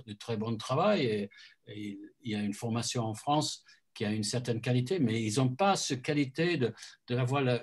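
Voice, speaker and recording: A man's voice: medium pitch, darkish tone. Earnest man from New Zealand explaining. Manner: earnest, halting, many restarts. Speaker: co-author answering audience questions. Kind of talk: explanatory answer at a book talk. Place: talk venue with audience.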